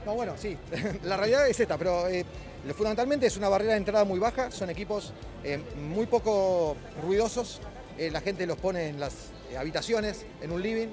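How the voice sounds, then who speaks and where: A middle-aged man with a Rioplatense accent and a rather high voice talks into a handheld mic at a crowded expo. He explains at length, full of "eh" hesitations and restarts. Faint music plays in the background. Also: fairly quick. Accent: Rioplatense Spanish. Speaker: company director. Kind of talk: trade-show interview. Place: busy indoor expo hall. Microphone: handheld mic held by interviewer.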